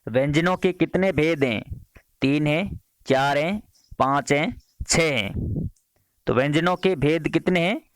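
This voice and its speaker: Brisk male Hindi exam-prep teacher. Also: fairly high pitch, dry recording. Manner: reads each question and its options, then repeats the question and gives the answer; brisk, repeated "next question" transitions. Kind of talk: quiz-style Hindi grammar lesson.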